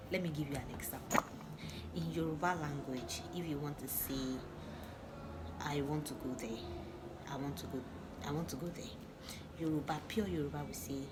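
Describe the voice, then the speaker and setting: A young Nigerian-accented woman vlogger tells a personal story casually to camera in a low voice, at a moderate pace with frequent pauses. She's chatty, laughing often, restarting sentences and adding asides, while a loud, steady noise runs behind her.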